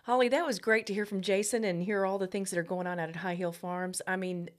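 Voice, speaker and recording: A woman's voice: medium pitch, steady tone, fast talker. Chatty woman co-host. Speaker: podcast co-host. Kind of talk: casual chat.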